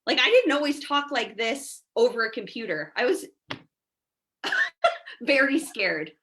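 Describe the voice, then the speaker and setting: A woman guest on a podcast, a mindset coach, telling stories in a chatty, animated way and often asking "right?". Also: a little high, unhurried. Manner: chatty, animated storyteller, peppers speech with "like" and "right?". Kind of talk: casual podcast conversation.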